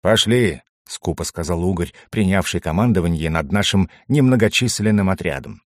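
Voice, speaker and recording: A man's voice: sits low, a little fast, no room sound, studio quality. A man reading an adventure story aloud, narrating expressively. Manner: expressive storytelling, voicing each character. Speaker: audiobook narrator. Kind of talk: scripted narration.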